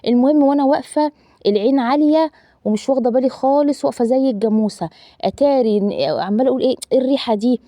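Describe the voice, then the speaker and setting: Racing along in a high-sitting, warm voice, this Egyptian Arabic-accented woman in her thirties narrates her cooking for her family vlog, chatting with viewers as loved ones and filling her speech with fillers. The studio-quality recording has no echo.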